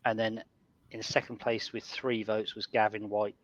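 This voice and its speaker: A man hosting a casual podcast chat, briskly reading out quiz categories and answers. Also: fairly low pitch, level tone, highs cut off. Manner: brisk quizmaster, reads out answers and keeps things moving. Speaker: podcast host running a quiz.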